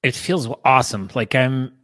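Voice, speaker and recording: A man's voice: mid-range voice, moderate pace, a bit bright, no room sound, studio quality. A man from the United States co-hosting a podcast in casual chat. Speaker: podcast co-host. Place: makeshift home studio in a living room.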